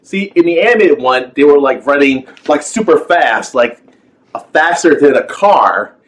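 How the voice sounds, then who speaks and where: A man's voice: fairly high pitch, lively intonation, moderate pace, low-quality recording. A man giving a rambling, casual rant as a film reviewer, full of fillers and exasperated rhetorical questions.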